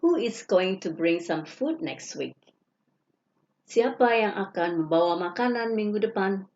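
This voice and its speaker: Slow, careful woman teacher, lo-fi. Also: mid-range voice, expressive, darkish tone, a little hiss or hum. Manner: slow, careful reading, each English sentence followed by its Indonesian translation. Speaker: English teacher. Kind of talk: reading example sentences slowly. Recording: dull lo-fi recording.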